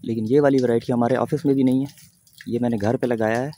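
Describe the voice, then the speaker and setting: A man with a Pakistani Urdu accent giving an unhurried, explanatory gardening walkthrough in his garden, sometimes spelling words out letter by letter. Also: medium pitch, steady tone, mellow. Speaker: gardening vlogger. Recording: noisy outdoor recording.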